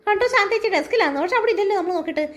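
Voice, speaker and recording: A woman voicing an excitable, easily frightened mother in a cartoon. She exclaims in shrill, rapid bursts. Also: shouting, a little hiss or hum. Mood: panicked. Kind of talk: cartoon voice acting.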